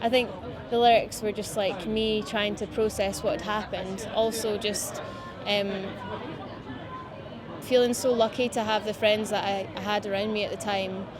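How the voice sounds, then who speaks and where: A woman's voice: medium pitch, normal speed. A woman in her twenties with a Scottish accent, chatting casually about her music in an interview, rambling with lots of fillers. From Scottish Highlands. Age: 20s. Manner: relaxed, rambling with many fillers. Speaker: musician guest. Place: outdoors by a city riverbank. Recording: outdoor crowd noise behind.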